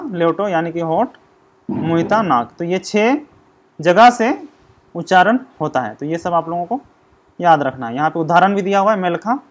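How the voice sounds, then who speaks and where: A man teaching an exam-prep grammar lesson, explaining slowly and sounding out syllables one by one. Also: fairly high pitch. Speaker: language teacher.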